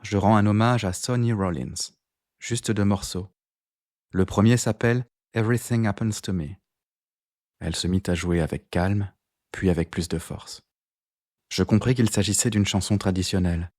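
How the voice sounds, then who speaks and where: A man narrating a novel as an audiobook in a measured, even reading. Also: deep voice, no room sound, studio quality. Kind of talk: scripted narration.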